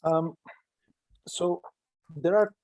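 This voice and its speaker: A man's voice: on the high side, very slow, dark tone, dry recording, low-quality recording. A man with a Turkish accent, a native Turkish speaker, giving conversational, explanatory interview answers and often rephrasing himself. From Turkey. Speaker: startup entrepreneur being interviewed.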